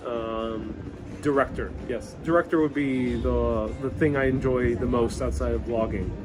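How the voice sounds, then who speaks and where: A man from New York with Puerto Rican roots, chatting loosely on a live stream and answering viewer comments with easy self-assurance. His speaking voice sits at an ordinary middle pitch. Salsa music plays clearly in the background. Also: fairly even intonation, unhurried. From born in Puerto Rico, raised in New York. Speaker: travel vlogger answering live chat. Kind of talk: casual live-stream chat. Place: outdoors in a European old town. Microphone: wireless clip-on mic. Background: salsa music playing nearby.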